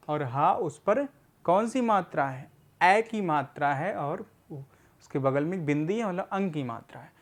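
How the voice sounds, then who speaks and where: Slow patient man teaching reading. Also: fairly high pitch. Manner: spells out syllables patiently, asks and answers own questions; often checks in with "theek hai". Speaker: adult literacy teacher. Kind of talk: slow step-by-step reading lesson.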